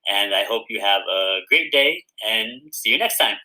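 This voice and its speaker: Bright-voiced man teaching kids a craft. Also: on the low side, animated, moderate pace, low-quality recording. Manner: friendly, guiding viewers through each step. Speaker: children's author teaching a craft. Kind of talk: step-by-step craft tutorial for kids.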